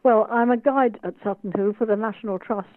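An enthusiastic woman in her eighties from the United Kingdom, an author and tour guide, speaks briskly in a medium-pitched voice during a video call interview. The recording is dry, with a tinny, phone-like call sound.

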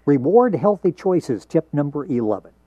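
Heard as if recorded off the air, a radio talk show host warmly interviews a guest and guides them through tips. He's on the high side and very animated, speaking at a moderate pace in a dark tone, and the dull broadcast has no room sound.

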